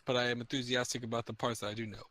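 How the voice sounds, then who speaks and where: A man's voice: mid-range voice, flat delivery, racing, sharp tone, no echo. A man co-hosting a casual podcast chat, curious and full of questions. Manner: curious, asks lots of questions. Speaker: podcast co-host.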